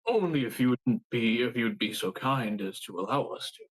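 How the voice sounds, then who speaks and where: A man playing an earnest, cautious adventurer in a tabletop game, speaking formally and haltingly. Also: medium pitch, lively intonation, lightly acted, rough recording. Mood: polite.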